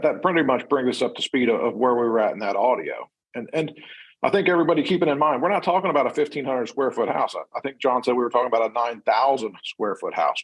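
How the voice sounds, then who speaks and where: A man's voice: mid-range voice, husky, low-quality recording. An American man talking as a fire service instructor in an unscripted discussion, explaining in a conversational way.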